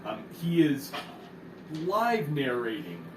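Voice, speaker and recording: A man runs a tabletop game, narrating loosely with plenty of fillers. His pitch moves a lot, and he sits away from the mic in an echoey room with noise behind him. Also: takes it slowly, distant mic. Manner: relaxed, with frequent fillers. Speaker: game master.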